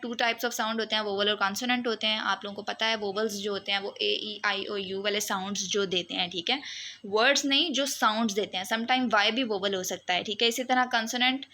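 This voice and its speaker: Bright-voiced woman teaching a lecture. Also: fairly high pitch. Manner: explains step by step, mixing Hindi-Urdu with English terms. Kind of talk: exam-prep lecture.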